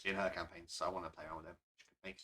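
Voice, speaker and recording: Bright-toned male game master in a loose, rambling chat, quick to laugh at himself. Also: sits low, little pitch movement. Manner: rambling, self-deprecating, laughs often. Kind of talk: casual podcast chat.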